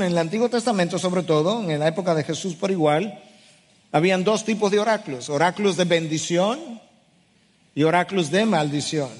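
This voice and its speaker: Emphatic middle-aged preacher in a reverberant hall. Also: male voice, high voice. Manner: emphatic preaching, reads and restates scripture verses. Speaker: pastor. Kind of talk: sermon.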